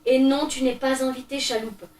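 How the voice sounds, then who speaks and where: A woman playing a sarcastic thirteen-year-old girl who is fed up with babysitting, impatient and cutting. Her voice sits high, heard from a distance in a roomy space with faint noise. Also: fairly even intonation, normal speed, darkish tone, lightly acted. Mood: irritated. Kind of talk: stage play reading.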